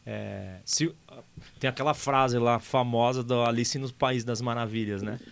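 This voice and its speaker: A man speaking thoughtfully in a podcast conversation, often pausing and repeating words as he works through an idea. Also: medium pitch, steady tone, gravelly, clear, resonant tone. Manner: thoughtful, halting, repeats words while thinking.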